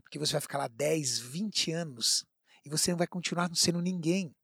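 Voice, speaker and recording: A Brazilian man tells a personal story with emphatic, animated delivery. His voice is husky and sits a little high, and the recording is dry and close. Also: brisk, no room sound. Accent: Brazilian Portuguese. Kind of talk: storytelling in casual chat.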